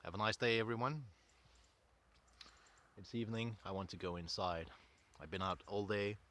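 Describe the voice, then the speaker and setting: A man's voice: on the low side, fairly even intonation, moderate pace, bright, forceful tone, slight background noise. A man ranting to camera outdoors in the evening cold, passionate and defensive, swearing now and then. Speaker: vlogger. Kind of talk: casual rant to camera.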